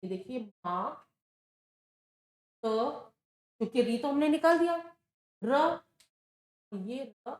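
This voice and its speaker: A woman's voice: sits high, lively intonation, slow, long pauses, darkish tone, echoey room. A woman teaching a Sanskrit grammar lesson for exam preparation. She speaks patiently and asks the class questions that she then answers herself. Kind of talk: exam-prep lesson at a board.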